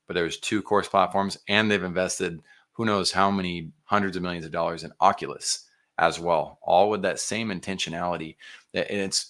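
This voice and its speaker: A man's voice: deep voice, a bit bright. A man hosting a podcast interview, enthusiastic and encouraging in a casual way. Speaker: podcast host.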